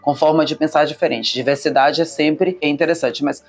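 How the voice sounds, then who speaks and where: A woman's voice: sits low, steady tone, normal speed, soft background music. A middle-aged woman from Salvador, Bahia, a business owner speaking as a guest in a conversational interview, with an expansive, emphatic manner. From Salvador, Bahia, Brazil. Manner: expansive, warm-hearted, emphatic.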